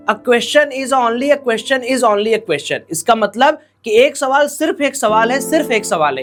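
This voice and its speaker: Man giving blunt exam advice. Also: sits high. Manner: direct, exhorting, addresses viewers as friends. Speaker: exam coach.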